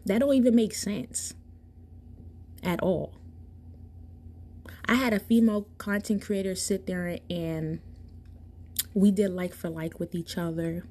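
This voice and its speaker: A woman's voice: medium pitch, steady tone, slow pace, long pauses, warm tone. Impassioned woman venting to her listeners. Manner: emphatic, impassioned, addresses listeners directly. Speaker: podcast host. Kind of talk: casual monologue to listeners.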